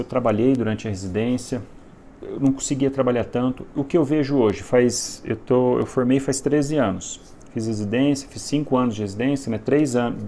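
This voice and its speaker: A man's voice: medium pitch, a little mellow, a little hiss or hum. A surgeon in his late thirties from Brazil gives earnest, emphatic advice to young doctors in a casual livestream, often repeating himself and restarting phrases.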